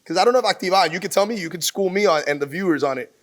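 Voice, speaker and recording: A man's voice: high-pitched, very fast. Laid-back man hosting a chat. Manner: easygoing, laughs often, mixes English and Spanish. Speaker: host. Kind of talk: casual chat.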